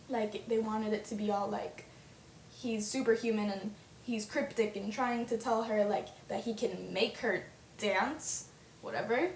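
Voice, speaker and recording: A woman's voice: a little high, darkish tone. A young woman chatting in a casual fan vlog, gushing and full of fillers. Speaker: fan vlogger. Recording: roomy webcam audio with faint hiss.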